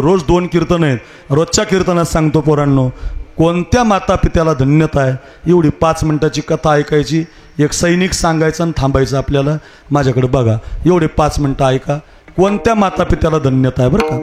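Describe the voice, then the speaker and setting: A man's voice: on the high side, noisy background. A man preaching a devotional kirtan sermon in a crowded festival pandal, rousing and commanding the crowd, with call-and-response.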